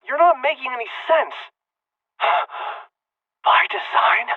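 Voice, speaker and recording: An actor voicing a brusque young man who gives orders over a radio link, brisk and impatient. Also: extremely high pitch, animated, no room sound, full character voice. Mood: instructing. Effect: radio comm filter. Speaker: video game character. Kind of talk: game voice acting. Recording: tinny comm-link filter.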